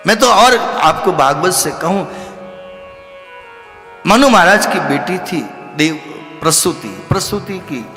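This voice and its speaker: A man giving an animated devotional scripture discourse as a religious storyteller, sometimes rising to loud exclamations. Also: sits high, takes it slowly, roomy sound, long reverb tail, soft background music. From Rajasthan, India.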